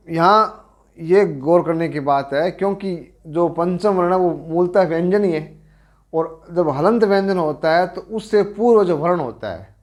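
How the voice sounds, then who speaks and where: A middle-aged man with a Rajasthani accent, giving a grammar lecture as a teacher, explaining slowly and deliberately and correcting himself as he goes. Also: fairly high pitch. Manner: slow, deliberate explaining with pauses and self-corrections.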